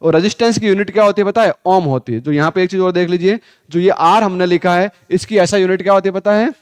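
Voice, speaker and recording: A male physics teacher running a Hindi class lecture, quizzing students with repeated questions, calling them 'beta', and reading textbook lines slowly. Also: sits high, a little mellow, clear, resonant tone, dry recording. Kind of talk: classroom lecture with call-and-response drills.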